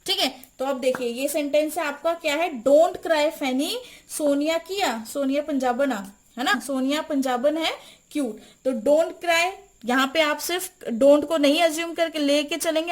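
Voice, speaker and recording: A woman teaching a chemistry lecture, repeating mnemonics and quizzing the listener. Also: sits high. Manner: repeats and quizzes the listener, slow deliberate spelling-out.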